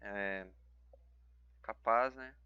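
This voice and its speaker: A teenage boy explaining a genetics exercise haltingly, often checking with tag questions. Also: lowish voice, steady tone, clear, resonant tone, no room sound, muffled recording. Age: late teens. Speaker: student explaining a genetics problem.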